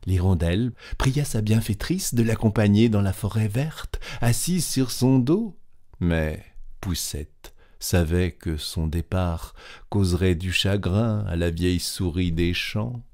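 A man narrating a children's audiobook in a calm, measured storytelling manner. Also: deep voice.

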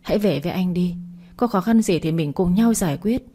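An anxious young husband in a read-aloud drama, voiced by a woman. he speaks in a low, mellow voice, worried and pleading. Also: brisk, breathy edge.

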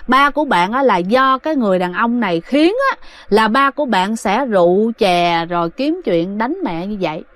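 A woman's voice: medium pitch, lively intonation, normal speed, fairly bright tone, dry recording. A woman casually telling a ghost story, chatting directly to her listeners. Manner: chatty, addresses listeners directly, many fillers.

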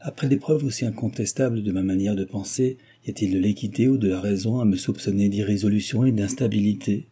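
A man voicing an impetuous young gentleman who pleads with ardent warmth. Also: lowish voice, fast, hardly any pauses, slightly rough.

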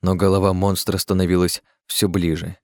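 A man giving scripted audiobook narration in a measured, expressive way. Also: deep voice, dry recording, clean studio sound.

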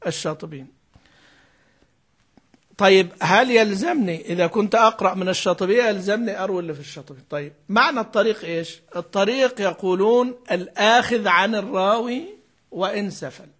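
A man's voice: sits high, brisk, fairly bright tone, husky. A man teaching the rules of Quran recitation, repeating key terms and prompting his students to fill in answers. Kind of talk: lecture on Quran reading rules.

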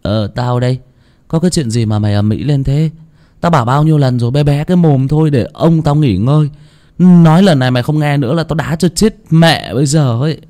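A man voicing a grumpy, bossy village boy, talking gruffly. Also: a little high, fairly quick, dark tone, voice pushed up, close to an everyday voice.

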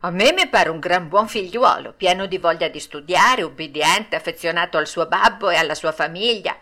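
A woman voicing a frightened, excitable wooden puppet boy in a storybook reading, shrill and breathless. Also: normal speed. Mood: eager.

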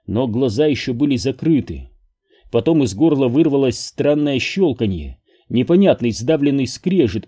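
A man reading an audiobook aloud in a slow, measured, even manner. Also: mid-range voice. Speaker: audiobook narrator. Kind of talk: scripted narration.

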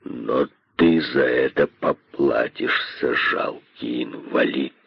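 A great python king, voiced by a man, speaks with slow, cold contempt and open menace. His voice sits deep and husky, and it is dry and a bit dull, like an old audiobook recording. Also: big pitch swings, no room sound, full character voice. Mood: menacing.

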